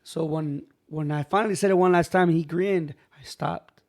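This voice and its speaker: A man on a podcast telling a personal story in a casual, animated way, acting out the voices of people in it and dropping in "bro" and "man" often. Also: on the high side, normal speed.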